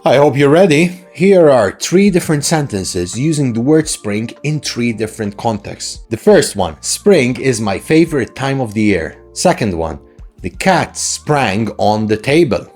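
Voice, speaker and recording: A man gives an English lesson in a conversational, instructional manner, often asking rhetorical questions and tagging lines with "right?" His mid-range voice swings widely in pitch and sounds a little slow and mellow, with faint music in the background.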